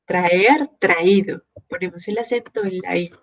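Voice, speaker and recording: A woman's voice: on the low side, unhurried, dull audio. A woman teaching a grammar lesson, explaining patiently step by step and working through examples. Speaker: Spanish teacher.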